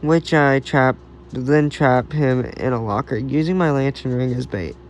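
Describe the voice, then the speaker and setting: A man reads his own fan fiction aloud, stumbling and correcting himself as he goes. His voice sits at an ordinary middle pitch. Faint vehicle noise hums in the background. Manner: halting, frequent restarts and self-corrections. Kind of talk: amateur fan story reading.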